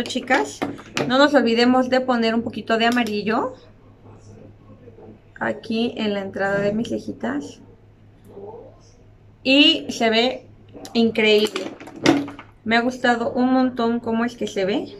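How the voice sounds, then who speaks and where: A woman's voice: fairly high pitch, a little slow, pauses often, background noise. A young woman, chatting through a makeup tutorial and gushing over the colors to her viewers. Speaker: beauty vlogger.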